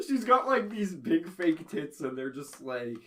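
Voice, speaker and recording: A man's voice: fairly high pitch, big pitch swings, slow, pushed and bright, distant mic. Laughing profane man, slightly off-mic. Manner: laughs often, loose and profane. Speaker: podcast co-host. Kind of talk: casual movie chat.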